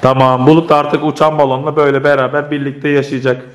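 A man with a hoarse voice filming his children at home, laughing and coaxing them in a casual family vlog. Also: medium pitch, level tone, fast talker. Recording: noisy home recording.

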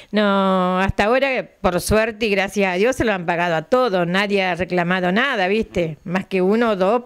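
An older Argentine woman who heads a retirees' center chats in a local TV interview in her living room, speaking into the interviewer's handheld mic. Her voice is smooth and mid-pitched. She patiently repeats dates and tacks a questioning aside onto her lines.

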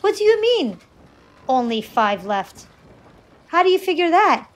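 A woman's voice: high-pitched, lively intonation, moderate pace. A woman voicing a cheeky, puzzled boy in a storybook reading.

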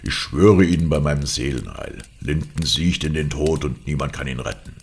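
A man reading an audiobook aloud, voicing a cold, threatening villain in a slow, menacing way. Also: rumbling low, slight background noise.

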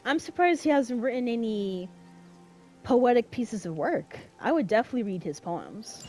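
A woman's voice: a little high, lively intonation, moderate pace, a little mellow, soft background music. A woman giving casual, chatty gameplay commentary, gushing as she reacts aloud to the characters. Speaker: video game player.

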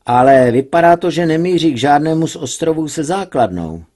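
A man with a husky voice voicing a tense male pilot who reports distances in clipped sentences. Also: fairly high pitch, animated, darkish tone, voice pushed up. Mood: reporting.

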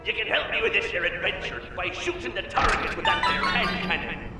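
A man voicing a boisterous male pirate fox animatronic in a game, with a hearty, theatrical pirate drawl, heard as a fairground ride loudspeaker announcement. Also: sits high, very animated, brisk. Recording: echoey game audio over loud music.

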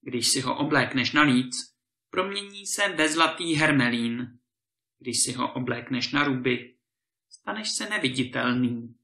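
A man voicing a huge, boastful male giant lord in a storybook reading, with a booming, thundering delivery. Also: animated, sharp tone. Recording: roomy echo.

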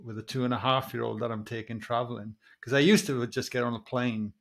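Over a video call from a small room, speaking through an earphone headset, a forties-something Welsh podcast host rambles amiably and leans on "mate." His voice is medium-pitched, steady, fairly quick, gravelly and fairly bright.

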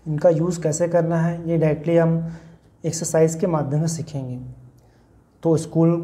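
A man's voice: fairly high pitch, mellow. An Indian man teaching an online grammar lesson, explaining patiently with lots of examples. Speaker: English teacher. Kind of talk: classroom-style video lesson.

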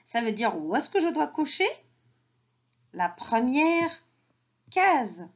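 A woman teaching an early reading lesson to children, repeating each word slowly and breaking it into syllables. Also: sits high, very animated. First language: Arabic. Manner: slow, syllable-by-syllable modelling with repeated words. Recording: dull lo-fi sound.

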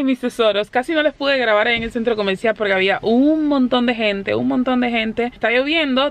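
A woman's voice: on the high side, fairly bright tone. A woman chatting casually to her vlog viewers, fond and talkative, patiently explaining words. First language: Spanish. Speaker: family vlogger.

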